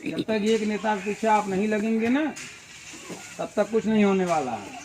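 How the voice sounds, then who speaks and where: High-voiced man rallying a village crowd. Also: expressive, normal speed, a little mellow, slight background noise. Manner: rhetorical questions, folksy analogies, rural dialect words. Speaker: party organizer addressing villagers. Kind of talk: village meeting speech. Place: outdoors in a village.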